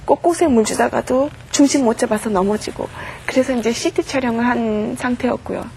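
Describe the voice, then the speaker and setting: Woman guest, middle-aged, slightly high voice; earnest storytelling testimony, faint background hum. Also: brisk, creaky, a little mellow. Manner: earnest storytelling, acts out quoted prayers and dialogue.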